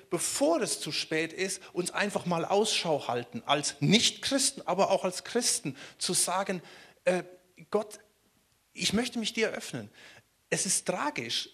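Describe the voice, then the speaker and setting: A man from Germany preaching a sermon in a lively way, often turning to ask his listeners questions. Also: high voice, slightly rough. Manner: animated, asks the listeners questions.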